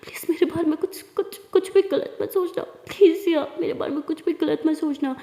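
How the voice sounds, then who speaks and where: A woman's voice: high voice, brisk, dark tone, pitched above the performer's own voice. Woman doing a stammering panicky college girl. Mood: flustered pleading. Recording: roomy reverberant room.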